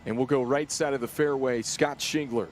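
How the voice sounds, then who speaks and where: A man's voice: medium pitch, steady tone, normal speed, a little hiss or hum. Man calling live golf as lead commentator.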